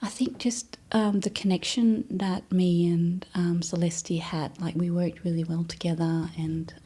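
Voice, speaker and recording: A woman from Denmark, a non-native English speaker, telling her story in a relaxed, soft-spoken interview with frequent fillers. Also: lowish voice, unhurried, breathy edge. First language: Danish.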